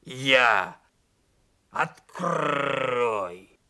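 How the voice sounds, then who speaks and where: A man voicing a young donkey who has turned into a wolf, speaking slowly in a hoarse, growling voice and sounding puzzled. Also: medium pitch, lively intonation, sharp tone, heavily acted. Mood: bewildered.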